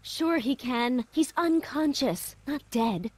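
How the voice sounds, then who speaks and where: A woman voicing a dry, commanding amateur hypnotist in a video game, deliberate and sardonic. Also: high voice, expressive, darkish tone, breathy edge, full character voice.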